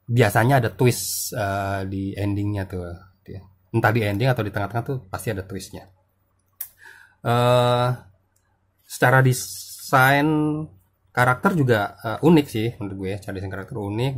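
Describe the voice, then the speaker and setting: Young man, lowish voice, loose casual comic-review chat full of fillers. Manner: loose, hesitant, many fillers and repeats.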